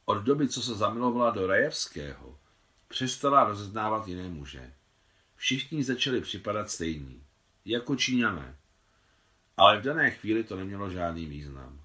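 A man narrating a translated novel aloud in a measured, steady reading. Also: lowish voice. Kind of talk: audiobook narration.

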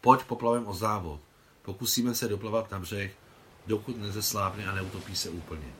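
A man's voice: fairly low pitch, slight background noise, lightly acted. A man reading as a bold young horsewoman. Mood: exuberant. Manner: exclaiming, lively. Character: young female trick rider, bold and spirited.

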